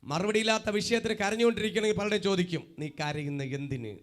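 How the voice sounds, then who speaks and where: A man preaching a sermon fervently, swinging from loud cries to hushed asides. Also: high voice, fast.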